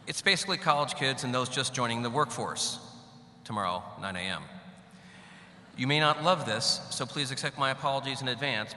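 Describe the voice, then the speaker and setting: A middle-aged man delivers a commencement address in a big hall, his voice ringing back with a long echo. His tone is very bright and forceful, cut with wry asides. A faint hum sits under the room. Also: mid-range voice. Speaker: commencement speaker. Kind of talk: graduation speech. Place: large hall.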